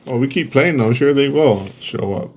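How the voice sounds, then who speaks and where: A man's voice: mid-range voice, expressive, moderate pace, darkish tone, slight background noise. A man hosting a casual podcast, easygoing and laughing often while reacting to videos with his co-host.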